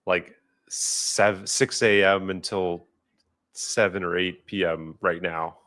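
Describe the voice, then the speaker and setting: A man hosting a casual live stream, talking in a relaxed, easygoing way and laughing often. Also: low voice, takes it slowly. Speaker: host.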